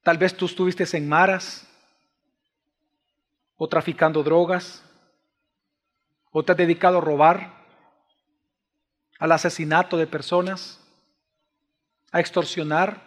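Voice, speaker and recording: A man preaching a sermon, swinging between hushed pleading and raised, emphatic preaching. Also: on the high side, level tone, slow pace, pauses often. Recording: long reverb of a large hall.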